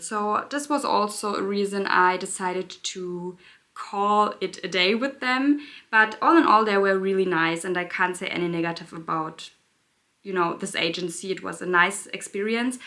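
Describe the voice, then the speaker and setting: Young woman, German accent, bright tone, casual beauty vlog chat that searches for words. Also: medium pitch. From Berlin, Germany. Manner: chatty, searches for words, laughs lightly. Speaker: beauty vlogger. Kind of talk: casual Q&A while doing makeup.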